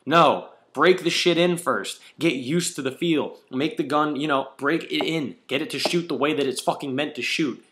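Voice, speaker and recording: A man's voice: a little high, normal speed, hardly any pauses, a bit bright. Swearing young man ranting back. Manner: profane, combative, lecturing. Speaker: paintball player replying to a commenter. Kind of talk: angry video response rant.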